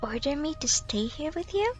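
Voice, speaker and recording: Girl voice actor doing high sweet obsessive yandere stalker, shy nervous rambling, asmr roleplay, music behind. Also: expressive, moderate pace. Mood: flustered disbelief. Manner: nervous, hesitant, apologetic rambling. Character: timid, self-loathing young female stalker, sweetly obsessive. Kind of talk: ASMR role-play.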